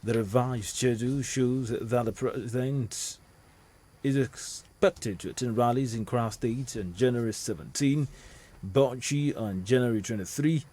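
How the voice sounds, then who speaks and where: A man with a Nigerian accent reading the radio news as anchor, formal and measured. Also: mid-range voice, warm tone.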